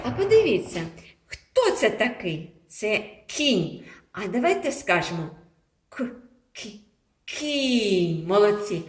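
A woman teaching a lesson to young children, speaking slowly and gently in a sing-song way. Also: mid-range voice. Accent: Ukrainian. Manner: slow, sing-song, addresses little children. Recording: echoey room.

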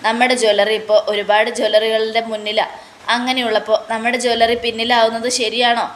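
A woman's voice: a little high, level tone, fast talker, fairly bright tone, a little hiss or hum, close to an everyday voice. A woman voicing a practical middle-aged mother-in-law who coaxes and reasons with her family. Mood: coaxing. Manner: coaxing, reasoning.

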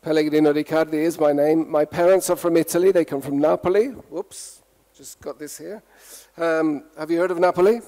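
A man's voice: fairly high pitch, steady tone, a little fast, dark tone, big-room sound. A man raised in the UK, giving a humorous conference talk and playfully asking the audience questions. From United Kingdom. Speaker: conference speaker. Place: conference hall.

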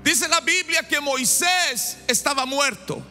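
The pastor's voice is extremely high and slow. In his forties and born in Chile, he stands on a large church stage with a handheld mic, preaching a passionate sermon to a big congregation that builds into shouts and exclamations. The hall echoes, with music underneath.

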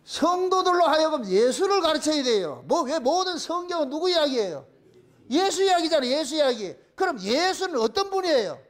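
A middle-aged man preaches with lively energy, and his voice sits very high for a man. He peppers the congregation with rhetorical questions and acts out the people in his stories. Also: fairly quick, hardly any pauses. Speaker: pastor. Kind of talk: sermon.

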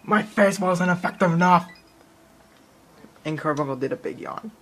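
Here a video game player and commentator talks through a casual let's play at a moderate pace, his voice sitting high. He's excitable, says things over again, and copies the game's sounds. Recorded in front of a TV in a home room on a handheld camera or phone mic, game music plays underneath.

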